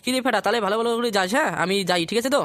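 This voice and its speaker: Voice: mid-range voice, racing, fairly bright tone, pitched below the performer's own voice, lightly acted. A performer doing a fussy old cartoon dad. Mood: fussing. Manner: repeats himself, fussing advice. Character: chatty old father, fussy and caring.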